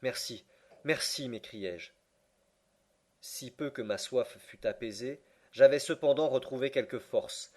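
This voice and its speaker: A man narrating an audiobook in a measured, even way. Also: medium pitch. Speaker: audiobook reader. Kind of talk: scripted narration.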